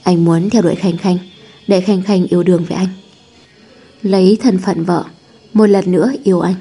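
A woman voicing a devoted young husband who talks low and gently, in a hushed, soothing way. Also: fairly even intonation, moderate pace, slightly rough. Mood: tender. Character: devoted rich young husband, cool but tender.

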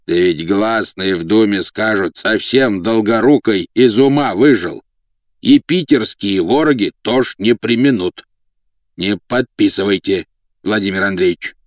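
A man voicing a blunt, domineering old male servant, loud and gruff in an audiobook. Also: lowish voice, a little slow, no room sound, close to an everyday voice. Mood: insistent.

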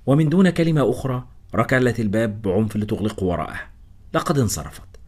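Fast-reading low-voiced male narrator. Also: expressive, darkish tone. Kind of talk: scripted first-person audiobook narration.

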